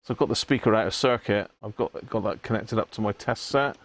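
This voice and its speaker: A British man hosts a live repair stream, his voice on the low side and fairly quick. He gives casual bench commentary as he works, half muttering to himself and often tacking tag questions onto his remarks.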